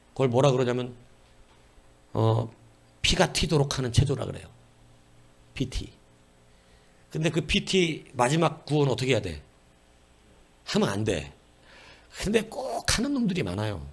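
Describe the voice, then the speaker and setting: A man preaching a sermon in church, telling lively stories with jokes. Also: mid-range voice, gravelly, breathy edge. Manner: animated, storytelling with jokes and acted voices. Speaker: pastor.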